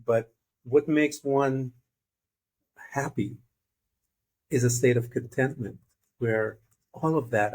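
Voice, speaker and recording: A man from Guyana hosting an interview, talking in a thoughtful, meandering way with many fillers. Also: fairly low pitch. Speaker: interview host. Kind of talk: casual interview conversation.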